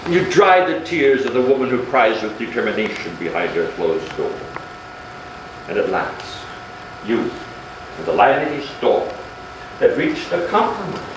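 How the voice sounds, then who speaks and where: Voicing a sarcastic, threatening married middle-class man on stage, this male actor has a mid-range, natural voice, very animated at normal speed with long pauses. His theatrical needling is intense and accusing, captured in an echoey, distant, noisy live recording.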